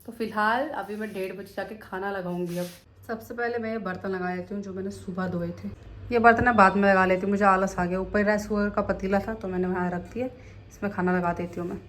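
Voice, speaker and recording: A woman's voice: medium pitch, steady tone, brisk, slight background noise. A young woman from Jammu, chatting playfully to viewers in a casual home vlog and often laughing at herself. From Jammu, India. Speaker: vlogger. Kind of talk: casual daily-life vlog chat. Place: at home indoors, later on a balcony.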